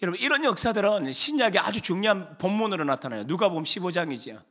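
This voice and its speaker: An older male pastor, preaching a sermon in a storytelling way, acting out voices and swinging from hushed asides to loud outbursts. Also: sits high, animated, fast talker.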